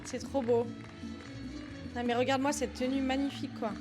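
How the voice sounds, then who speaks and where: A woman's voice: sits high, flat delivery, moderate pace, music in the background. A woman hosting a casual dance reaction vlog, chatty and exclamatory, talking with lots of fillers. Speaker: dance video host.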